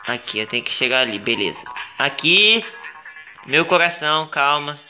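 A man with a Brazilian accent doing gameplay commentary, exclaiming, swearing and pleading at the game, with sudden high yelps. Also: lively intonation, moderate pace, pushed and bright, faint music behind. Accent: Brazilian Portuguese. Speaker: gaming video creator.

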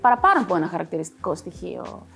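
A woman's voice: fairly low pitch, sing-song, creaky, fairly bright tone, soft background music. A woman working as a voice coach, explaining her work in a TV talk show interview with many fillers.

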